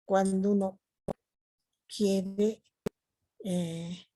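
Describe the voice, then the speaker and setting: A Bolivian woman teacher talks through a video class at an unhurried pace, checking in with "¿no?" and pausing on fillers as she thinks. Her Bolivian Spanish accent is clear, and the recording is dry and close, with no room sound. Her pitch sits at a middle level for a woman. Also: level tone, mellow, no room sound. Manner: slow, explanatory, with frequent "¿no?" tags and fillers. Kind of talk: recorded video lecture on punctuation.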